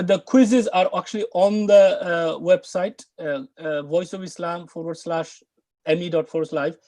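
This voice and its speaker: A middle-aged man, earnest and coaxing, runs an Arabic class over a video call from a room in his house and often restarts his words. He has a high voice with a dark tone, and there's no echo. It's live online class talk.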